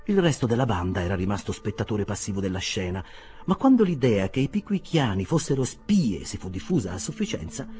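A man narrating a classic novel as an audiobook in a lively, dramatic storytelling manner. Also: on the low side. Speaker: audiobook reader. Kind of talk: expressive literary narration.

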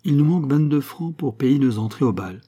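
A man's voice: medium pitch, lively intonation, fairly quick, dark tone, breathy edge, pitched above the performer's own voice. A man voicing a pipe-smoking young male art student who badgers his friend over and over. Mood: coaxing. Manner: insistent, repetitive badgering.

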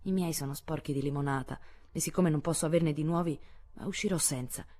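A woman reading an audiobook, voicing a careless, tomboyish teenage girl who speaks bluntly with a husky edge. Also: deep voice, brisk, mellow. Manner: blunt, offhand.

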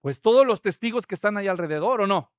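Man preaching, high voice. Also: fast, dry recording. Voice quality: expressive, rising to loud emphatic quotes. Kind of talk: sermon.

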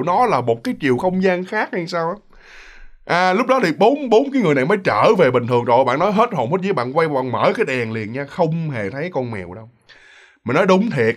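A man telling a ghost story and talking straight to his listeners. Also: fairly high pitch. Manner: animated, talks straight to listeners. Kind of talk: spoken ghost story narration.

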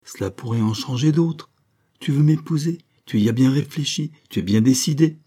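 A man's voice: medium pitch, normal speed, dark tone, breathy edge. A man reading aloud voices a careworn young woman who is tender and overwhelmed, speaking with pleading emotion.

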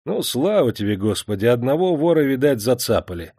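A man's voice: mid-range voice, sing-song, fairly quick, warm tone, no room sound, clean studio sound. A man voicing a stern male factory manager who exclaims and gives orders. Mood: relieved. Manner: exclaiming, commanding.

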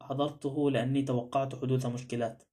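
A sardonic, self-assured adventurer, read by a man narrating a mystery. His dry remarks run quickly in a warm, mellow voice. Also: medium pitch, level tone, natural voice. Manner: cool, dry. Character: cool, sardonic male adventurer.

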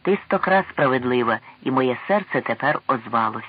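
A man's voice: mid-range voice, expressive, normal speed, slightly rough, phone-quality sound. A man voicing a noble, gallant king in an audiobook, speaking in a courtly, exclaiming manner, raised above his narrating voice. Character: noble, warm-hearted young king, gallant.

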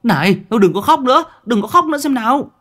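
A man's voice: extremely high pitch, expressive, fast talker, pitched above the performer's own voice, full character voice. A man voicing a frantic young groom who calls out desperately for his bride. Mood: overjoyed. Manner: calling out loudly and desperately.

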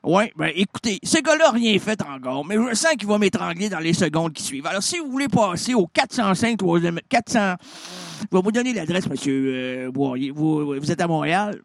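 Excitable québécois man, gravelly high voice. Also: normal speed, no room sound, studio quality. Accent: Québécois French. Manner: excitable, rambling, stumbling over words, pitch swinging wildly. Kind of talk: absurd comic radio monologue.

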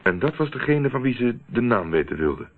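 On a muffled, narrow-band old radio recording, an actor voices a shrewd, teasing male investigator in a radio play. His medium-pitched voice moves quickly with big pitch swings, staying wry, firm and controlled as he calmly presses and probes.

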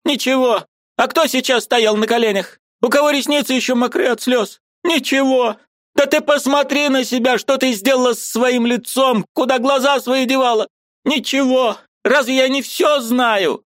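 A man's voice: very high voice, fairly even intonation, moderate pace, a bit bright, no room sound, studio quality, pitched above the performer's own voice. A man voicing an old woman, a fussy, agitated aunt who exclaims, pleads and repeats herself in an audiobook.

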